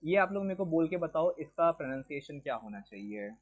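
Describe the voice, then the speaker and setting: A man's voice: fairly high pitch, sing-song, fairly quick, breathy edge. A man teaching a class, quizzing students and switching between Hindi and English. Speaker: lecturer. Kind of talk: classroom lecture. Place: classroom with a board. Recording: dull lo-fi classroom recording.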